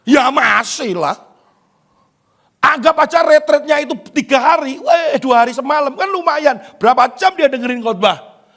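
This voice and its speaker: A man pastor preaching a sermon in a church, asking the congregation questions and swinging from loud calls to hushed asides. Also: extremely high pitch.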